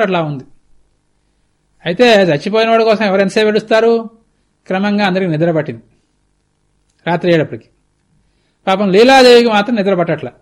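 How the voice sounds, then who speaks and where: High-voiced man telling a scripture story. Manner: conversational, explanatory, with lively asides. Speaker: spiritual teacher. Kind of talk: religious discourse with storytelling. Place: TV studio.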